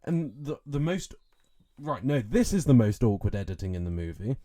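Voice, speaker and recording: A man co-hosting a podcast, retelling movie scenes in an animated, incredulous way. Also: medium pitch, moderate pace. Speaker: podcast co-host. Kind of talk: casual film review chat.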